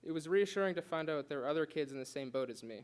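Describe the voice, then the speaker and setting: A young man reads a prepared class speech aloud, earnestly, with occasional stutters and restarts. His voice sits on the high side, smooth and expressive, at a quick pace.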